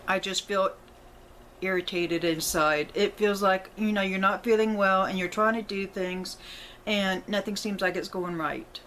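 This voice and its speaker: Woman in her middle years, teary and rambly, keeps saying sorry, mid pitch, faint hiss behind. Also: steady tone, measured pace, a bit bright, low-quality recording. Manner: rambling, apologetic, self-correcting. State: emotional, on the verge of tears. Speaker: vlogger. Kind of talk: casual personal talk to viewers.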